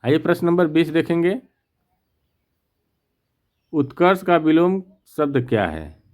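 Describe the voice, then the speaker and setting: A man with a fairly high voice talks slowly and patiently through a practice quiz. He reads out every option, then explains the answer in a steady, methodical way. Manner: repeats "theek na" to check. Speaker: teacher. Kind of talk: exam practice lesson.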